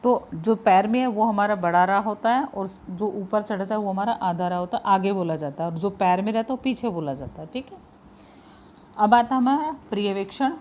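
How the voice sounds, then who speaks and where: A woman teacher patiently explaining spelling for exam preparation, spelling words out slowly and repeating the important points. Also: mid-range voice, darkish tone, slight background noise. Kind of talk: spelling lesson for exam prep.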